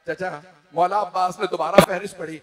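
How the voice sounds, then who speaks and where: A man's voice: sits high, steady tone, brisk, crowd noise. A man giving a dramatic mourning sermon to a live gathering in a large hall. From Pakistan. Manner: dramatic storytelling, swelling to loud wailing cries. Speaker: Shia cleric leading a majlis.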